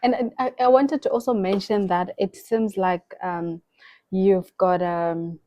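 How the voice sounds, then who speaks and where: A woman's voice: mid-range voice, fairly even intonation, measured pace, warm tone. A woman hosting an interview, asking questions hesitantly with many fillers. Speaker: host. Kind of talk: casual interview.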